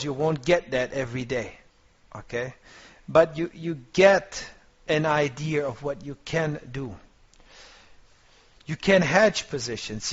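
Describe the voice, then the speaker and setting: A man teaching a trading course, coaching his students in a motivational way and often searching for words. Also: fairly high pitch. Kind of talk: online course lecture. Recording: dull lo-fi compressed audio.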